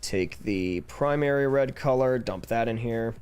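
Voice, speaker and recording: A man livestreaming as he draws, chatting casually in a rambling way, with lots of fillers and restarts, and growing animated when he vents. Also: medium pitch, measured pace, smooth, soft background music. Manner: grows heated and animated when venting. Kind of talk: casual chat while drawing.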